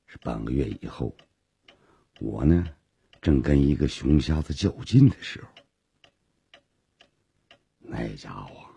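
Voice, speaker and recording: A male storyteller recalls his own past in slow, homely narration. His voice is very deep and gravelly, with a husky, mellow tone. The recording is dry and close. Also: dry recording. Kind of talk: first-person storytelling narration.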